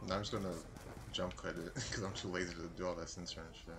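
Chill young dude gaming, very low voice, talks quick and mumbly. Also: male voice, fairly even intonation, noisy background. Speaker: gamer recording the session. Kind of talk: casual gaming chat.

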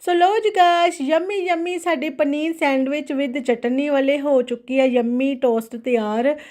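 A woman's voice: sits high, a little slow, darkish tone. A woman with a Punjabi accent chatting casually for a home vlog, chirpy and exclaiming, dropping English phrases into her talk. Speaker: daily vlogger.

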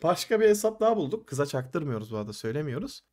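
A man in his twenties tells a personal story in a casual, animated way, swearing freely and acting out what his friends said. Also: fairly high pitch, racing. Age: 20s. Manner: animated, swears a lot, acts out friends' quoted lines. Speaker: podcast host telling a personal story.

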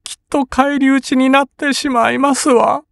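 Young samurai sister; high, tearful, pleading; storybook reading. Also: male voice, fairly even intonation, normal speed, gravelly, fairly bright tone, no echo, full character voice. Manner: high, sobbing, begging.

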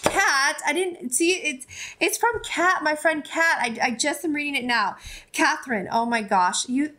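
A woman's voice: sits high, normal speed, sharp tone. A woman in her forties chatting casually on her vlog, effusive and gushing, rambling with frequent restarts. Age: 40s. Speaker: vlogger. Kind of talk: casual chat opening fan mail.

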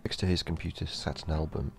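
A man narrating a horror story in a slow, measured storytelling delivery. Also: extremely low pitch, fairly even intonation, vocal fry, darkish tone.

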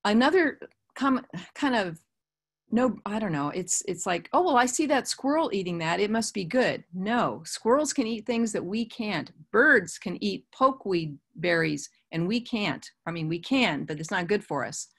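A woman's voice: medium pitch, animated, moderate pace, breathy edge. A middle-aged woman presenting a gardening webinar over a video call, explaining in a friendly way with casual asides. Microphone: webcam on a video call.

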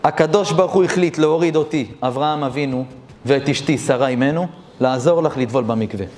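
A man voicing a very old, wise man who speaks slowly in a calm, solemn way. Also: medium pitch, natural voice. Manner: slow, solemn pronouncement.

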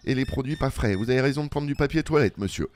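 Guy goofing around as a store cashier, mid-pitch, bits of game music behind. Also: fast talker, darkish tone. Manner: playful, talks back to unheard boss and customers. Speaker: let's play gamer. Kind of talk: improvised role-play commentary.

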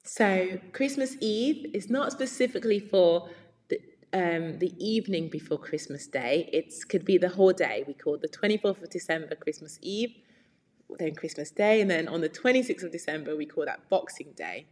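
A woman reads a children's story aloud and stops to explain new words patiently, step by step. Her voice is fairly low for a woman. A long reverb hangs after her words. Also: expressive, moderate pace, a little mellow, a little hiss or hum. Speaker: English teacher.

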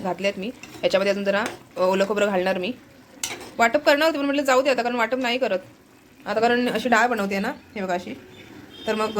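A woman's voice: medium pitch, slight background noise. A woman casually narrating a family home vlog from her kitchen, chatty and always pointing things out. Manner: chatty, keeps saying look here, coos at her pet. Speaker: family vlogger.

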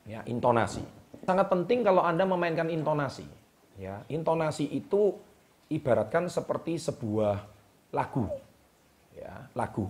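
A man hosting a motivational talk straight to the camera, emphatic and repeating key words with a drawn-out "ya". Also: a little high, lively intonation, darkish tone. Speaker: host. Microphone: speaking straight to the camera.

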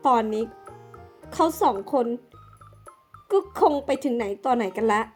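A woman playing a sharp-tongued young wife. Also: a little high, unhurried, faint music behind. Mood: defiant. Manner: defiant, mocking.

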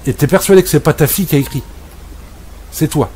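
A man's voice: on the high side, fast, dark tone, a little hiss or hum. A man giving comic role-play commentary over gameplay, scolding and exasperated in a joking banter. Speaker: gameplay video creator.

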